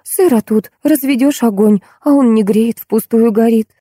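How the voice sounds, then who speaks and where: A woman reading an audiobook voices a timid, frightened maid who speaks in a hush. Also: on the high side, moderate pace, slightly rough, no room sound, clean studio sound, voice pushed up. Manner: hushed, timid.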